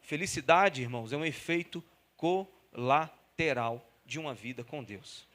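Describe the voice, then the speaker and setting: A man preaching a sermon as pastor, animated, repeating phrases for emphasis and acting out everyday scenes. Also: a little high, unhurried. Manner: animated, acts out everyday scenes in quoted voices.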